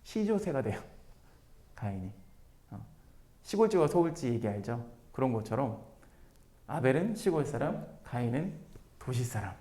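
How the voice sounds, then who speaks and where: A man teaching a Bible passage to viewers, animated and firing rhetorical questions at them. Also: mid-range voice, normal speed, pauses often. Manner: addresses listeners directly as everyone. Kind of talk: Bible teaching to a video audience.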